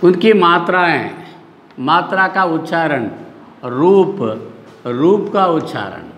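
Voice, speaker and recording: A man teaching a recorded lesson to young children, explaining slowly and repeating sounds aloud. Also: on the high side, expressive, fairly bright tone, in a large hall, dull audio, a little hiss or hum.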